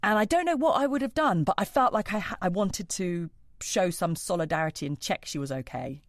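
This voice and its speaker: Podcast co-host: British woman, playful, very lively intonation. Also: fairly low pitch, fairly quick, no room sound, studio quality. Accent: British English. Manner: expressive, playful, acts out quotes. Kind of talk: casual chat.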